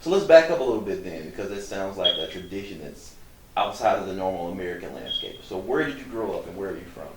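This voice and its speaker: A male talk show host introduces his guests and asks questions in measured, formal sentences. His voice is fairly low. He was recorded from a distance in an echoey room. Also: very animated, background noise. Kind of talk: interview hosting.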